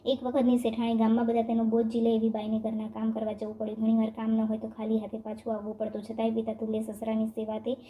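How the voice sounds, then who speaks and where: A woman with a Gujarati accent reading a devotional story aloud in a steady, even storytelling manner. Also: on the high side, fast, few pauses, narrow, tinny audio. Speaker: narrator.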